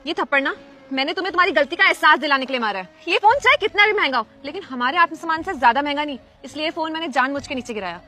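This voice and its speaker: A woman's voice: high-pitched, expressive, very fast, sharp tone, faint music behind. A woman playing a poor young woman selling goods, honest and proud, speaking in a pleading then firm, dignified manner. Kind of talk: amateur web drama acting.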